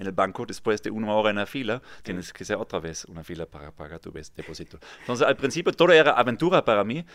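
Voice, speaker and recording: A German man in his thirties, a real estate developer, tells his story earnestly as a guest on a podcast, recorded in a small booth, now and then searching for words and repeating himself. He has a German accent and talks fast and animatedly in a fairly low, slightly bright voice. The audio is dry and studio quality.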